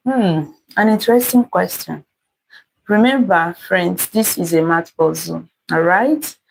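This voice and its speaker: A creaky, lowish female voice with a Nigerian accent is heard on a rough recording. She leads a live math puzzle session, reading out comments at a relaxed pace and repeatedly greeting and thanking viewers by name.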